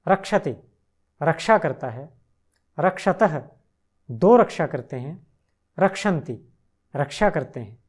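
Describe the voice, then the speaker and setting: A language teacher speaks at a slow, measured pace, reciting each verb form one by one and then repeating the set as a drill. The voice sits in a middle register, and the asides are short, patient and reassuring. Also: mid-range voice, expressive, darkish tone, husky. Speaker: Sanskrit teacher.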